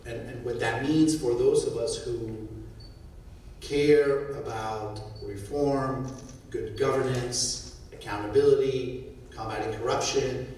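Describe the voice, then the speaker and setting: Without notes, a middle-aged man from Syria talks on a conference panel, thinking aloud and often starting his sentences over. His mid-range, slightly mellow voice is slow and fairly even in intonation, heard distantly in an echoing hall with a little hiss or hum.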